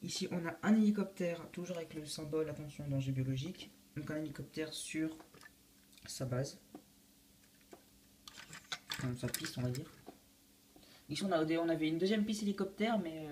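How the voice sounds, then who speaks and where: A man's voice: on the high side, brisk, darkish tone, a little hiss or hum. Hesitant teenage boy showing his build. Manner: hesitant, many fillers and restarts. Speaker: YouTube host showing a Lego build. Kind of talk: casual video walkthrough.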